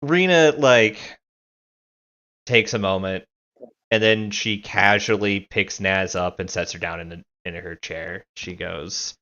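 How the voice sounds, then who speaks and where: A woman narrating a tabletop game as game master, casual and halting. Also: very deep voice, fairly bright tone, highs cut off.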